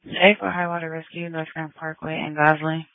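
A woman's voice: deep voice, little pitch movement, fairly quick, no room sound. A woman working as a police dispatcher, giving clipped, terse calls over a police radio transmission. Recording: tinny narrow-band radio.

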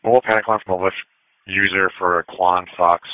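A man speaks over a walkie-talkie radio in a deep, level voice, reading unit numbers and addresses in a flat, matter-of-fact way. The sound is clean but muffled and dry, like a police scanner transmission. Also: fast talker, no room sound. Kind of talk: terse radio dispatch calls.

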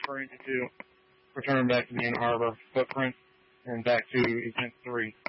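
A man's voice: medium pitch, normal speed. Man on a muffled dispatch radio. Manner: clipped, even, procedural. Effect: two-way radio transmission. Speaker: fire dispatcher. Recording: muffled radio with faint hum.

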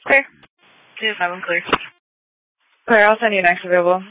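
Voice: mid-range voice, fairly even intonation, moderate pace, narrow, tinny audio, noisy background. A police dispatcher heard over police radio, giving clipped calls and repeating addresses and codes. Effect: police radio transmission.

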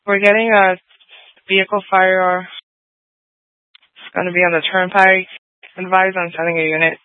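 A woman's voice: lowish voice, level tone, a little slow, clear, resonant tone, no room sound. Woman dispatcher over police radio. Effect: police radio transmission. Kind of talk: clipped radio dispatch codes. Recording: tinny dry radio scanner audio.

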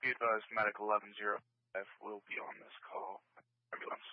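A man speaks over a tinny two-way emergency radio with a dry, close sound and no room around it. He is a dispatcher answering crews in short, terse procedure words. His voice sits on the lower side. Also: flat delivery, a little fast, dry recording.

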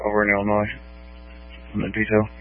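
A man's voice: on the low side, monotone, fast, noisy background. A man on patrol talking in terse, clipped radio codes, heard over a two-way radio. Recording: muffled radio transmission.

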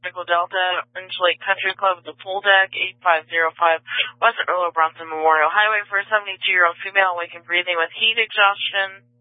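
A man working as an emergency dispatcher, giving brisk procedural call-outs over a police radio transmission. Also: high voice, steady tone, dry recording. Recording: tinny, dry scanner radio audio.

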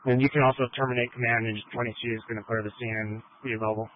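A man's voice: mid-range voice, little pitch movement, very fast, no echo. A man, an emergency responder on scene, gives clipped procedural updates over a police radio. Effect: police radio transmission. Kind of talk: radio traffic report. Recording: tinny narrowband radio.

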